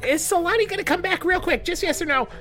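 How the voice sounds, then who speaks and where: A woman's voice: very high voice, quick pace, fairly bright tone, faint music behind, pitched above the performer's own voice. Woman playing Steve, a flustered, eager adventurer guy. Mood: flustered, pleading. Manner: flustered, stammering, eager to please. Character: Steve, nervous, eager, starstruck adventurer man.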